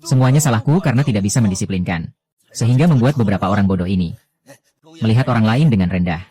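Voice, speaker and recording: A groveling middle-aged property manager, voiced by a man in a dubbed drama, bowing and scraping with endless apologies. The voice sits low and sounds mellow and dark. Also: expressive, fast, lightly acted. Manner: profusely apologetic, fawning.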